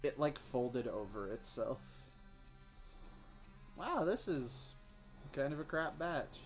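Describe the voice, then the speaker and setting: A man's voice: medium pitch, slow pace, soft background music. Joking Southern man streaming a game. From Southern United States. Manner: rambling, self-mocking jokes, sudden excited squeals. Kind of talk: casual gameplay commentary. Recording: clear keyboard typing and clicks behind.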